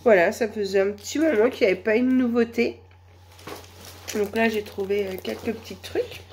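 A woman with a cold and a hoarse voice, chatting slowly and hesitantly through a shopping haul. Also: on the high side, darkish tone, a little hiss or hum. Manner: hesitant, many fillers, slow and chatty. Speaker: vlogger. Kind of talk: casual shopping haul vlog.

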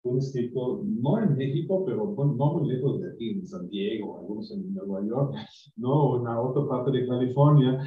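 At a university venue, a man with a medium-pitched voice and normal pace presents a book at an academic conference. He speaks spontaneously and digressively, full of tag questions and restarts, and the live-stream audio is roomy, distant, and dull.

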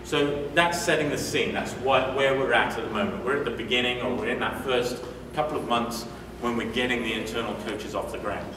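A British man in his forties gives a conversational conference talk in a medium-sized hotel meeting room, full of fillers and restarts. His voice sits at medium pitch with a steady tone, moving fairly quickly with few pauses. A distant room mic captures him, so the recording is echoey and noisy.

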